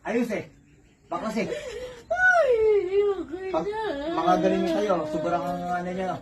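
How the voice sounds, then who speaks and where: A man's voice: sits high, sing-song, slow, recorded from a distance, very noisy. A man acting as faith healer in an exorcism session, commanding and hammering the same questions over and over. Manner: commanding, repeats questions insistently. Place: home healing session.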